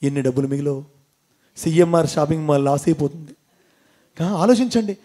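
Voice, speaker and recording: A man's voice: fairly high pitch, brisk, mellow. A man giving a devotional storytelling talk to an audience in a temple hall, asking them questions and acting out the characters. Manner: asks audience questions, acts out voices. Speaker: motivational speaker.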